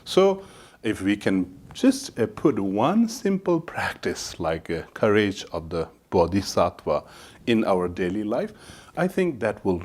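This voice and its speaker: A male Buddhist teacher giving a dharma talk, speaking haltingly with many fillers and laughing often at his own story. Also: on the low side, a little mellow.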